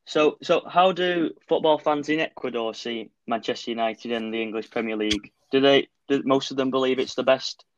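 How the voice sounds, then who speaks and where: A man's voice: medium pitch, normal speed, hardly any pauses, dry recording, lo-fi sound. A man interviewing a guest, asking short prompting questions and giving brief acknowledgments.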